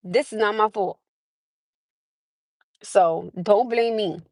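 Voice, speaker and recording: Taking it slowly, a woman with a medium-pitched, slightly mellow voice chats casually with viewers live from her parked car on her phone. She's from the United States, laughs often, and calls them "my love." The recording is dry and rough.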